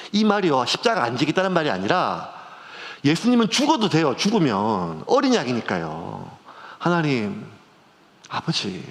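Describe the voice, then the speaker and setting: Animated pastor preaching in a reverberant church. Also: male voice, medium pitch. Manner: conversational preaching with emotional swings. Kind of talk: sermon. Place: church sanctuary.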